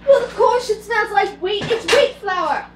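A woman's voice: very high-pitched, animated, measured pace, reverberant, heavy background noise. A woman playing a bossy, prim young Englishman in an amateur cosplay comedy skit, giving orders in a dry way, filmed by a far camera in a home kitchen.

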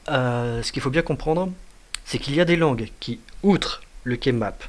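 A man's voice: mid-range voice, normal speed. A man giving a casual screen-share tutorial from his desk, thinking aloud with many fillers as he demonstrates live on his keyboard. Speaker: tutorial presenter.

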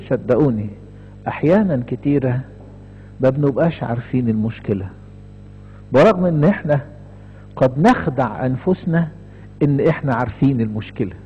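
A man with an Egyptian Arabic accent, a priest preaching a sermon, impassioned, swinging from emphatic rises to hushed pleading asides. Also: on the high side, slightly rough. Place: church. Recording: dull, echoey church recording.

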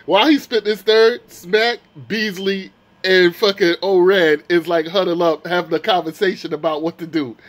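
Excited high-voiced man recapping a vlog. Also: moderate pace. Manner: excited, slangy storytelling, swears a lot. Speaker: channel host recapping a rap battle.

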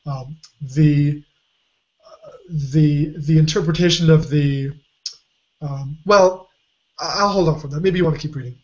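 Slightly hoarse man, halting podcast talk. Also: on the high side. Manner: halting, many fillers and restarts. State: losing his voice. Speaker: podcast co-host. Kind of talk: casual puzzle discussion. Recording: dull lo-fi podcast audio.

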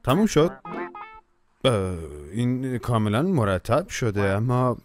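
A very animated man of medium pitch narrates a kids' cartoon over background music, speaking to the characters playfully and coaxingly.

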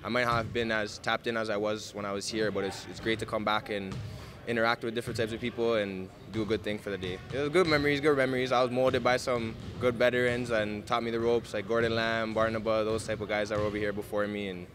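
Fast-talking young football player. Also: male voice, on the low side, fairly even intonation. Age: young adult. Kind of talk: casual interview. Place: school gymnasium. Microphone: handheld mic. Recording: music playing behind.

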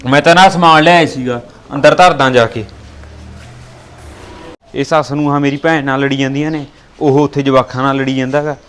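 A man's voice: medium pitch, steady tone, brisk, long pauses, a bit bright, clean tone. A man with a Punjabi accent acting in a village family drama, reassuring his mother in an earnest way. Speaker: son talking to his mother.

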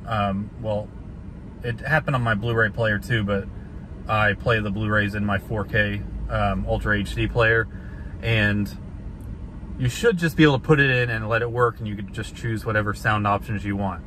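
A man's voice: lowish voice, moderate pace, poor audio. A man in his thirties chatting casually in a film vlog, recorded inside a car on a dashboard phone. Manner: chatty and conversational, gesturing with his hands. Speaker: film vlogger. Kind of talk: casual talking-head vlog. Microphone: phone camera on the dashboard. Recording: loud car and street noise behind.

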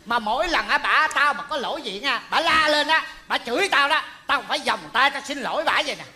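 Một nam diễn viên đóng vai ông dượng trung niên nóng tính, hay chửi mắng, trong một vở hài kịch trên sân khấu. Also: male voice, animated, a little fast, sharp tone, full character voice. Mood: furious. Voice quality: shrill, scolding. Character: hot-tempered middle-aged male uncle, loud-mouthed. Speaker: comic actor. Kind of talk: stage comedy skit. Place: theatre stage with live audience.

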